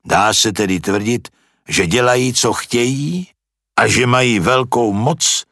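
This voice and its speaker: A man voicing a calm, patient old philosopher who reasons through questions, in a storybook reading. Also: mid-range voice, no room sound, studio quality, voice pushed up, lightly acted. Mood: probing.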